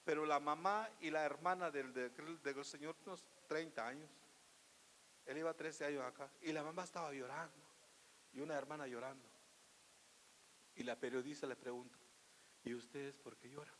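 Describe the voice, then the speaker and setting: High-pitched man preaching in a reverberant hall. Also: fairly even intonation, normal speed, slight background noise. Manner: emphatic, rhetorical questions, swings between loud and hushed. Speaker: pastor. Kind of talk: Spanish-language sermon.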